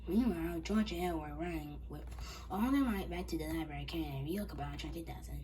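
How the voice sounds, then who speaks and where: Woman reading a storybook haltingly. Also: low voice, mellow, a little hiss or hum. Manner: halting reading with many restarts. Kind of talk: reading a children's book aloud.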